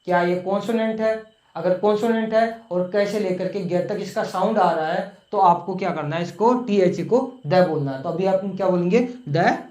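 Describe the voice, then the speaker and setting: A male online English teacher with a high, somewhat dark voice patiently explains a grammar rule to viewers at a moderate pace. He repeats each point and asks rhetorical questions, recorded in an echoey room.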